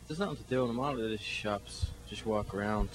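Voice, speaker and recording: A man's voice: fairly low pitch, a little fast, slight background noise. A young man in his twenties from Ireland with an Irish accent, talking bluntly and dismissively into a handheld mic in a mall. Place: indoor shopping mall. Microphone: handheld mic held by interviewer.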